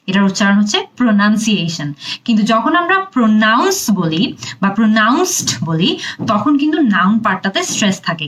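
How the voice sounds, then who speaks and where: A woman giving a pronunciation lesson, putting clear stress on each example word and often asking the viewer questions. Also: medium pitch, poor audio. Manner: slow, exaggerated stress when modeling English words. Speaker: English pronunciation teacher.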